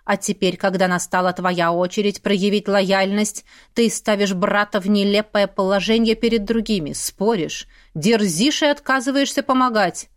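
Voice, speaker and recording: A woman's voice: medium pitch, normal speed, hardly any pauses, natural voice. A woman voicing a stern, cold aristocratic father who heads a clan, with a commanding manner.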